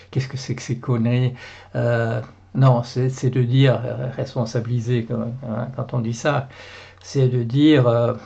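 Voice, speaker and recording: Gravelly Belgian man ranting in French. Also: mid-range voice, dark tone, dull audio. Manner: rambling, indignant, many fillers and repeats. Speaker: blogger. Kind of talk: casual video monologue.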